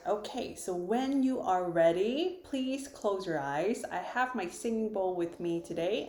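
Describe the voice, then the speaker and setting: A woman who founded a retreat, guiding a meditation in a gentle, unhurried way with soft pauses, seated in her living room. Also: mid-range voice, echoey room. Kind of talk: guided meditation. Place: living room, sitting on a floor cushion.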